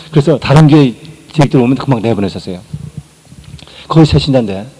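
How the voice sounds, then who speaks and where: An older male pastor preaching a personal testimony, his voice mellow and dark. He acts out quoted lines from his story, dropping to quiet tones and then rising again. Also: mid-range voice, animated, normal speed, slightly rough, poor audio. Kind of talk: sermon testimony.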